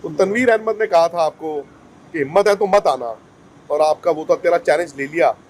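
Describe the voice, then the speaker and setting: A man asking brisk questions as a TV news interviewer. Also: fairly high pitch, darkish tone.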